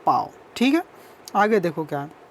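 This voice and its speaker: A woman's voice: fairly low pitch, big pitch swings, moderate pace. A woman teacher who explains an English lesson, asking questions, answering them herself and spelling words out letter by letter.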